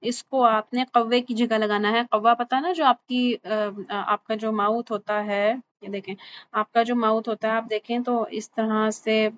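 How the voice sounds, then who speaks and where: Woman tajweed teacher. Voice a touch high, patient, models letters slowly. Slightly muffled recording. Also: flat delivery, a little hiss or hum. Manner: patient, repeats each sound slowly and checks with "thik hai?". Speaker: Quran recitation teacher. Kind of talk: online tajweed lesson. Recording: slightly dull lo-fi recording with faint ambience.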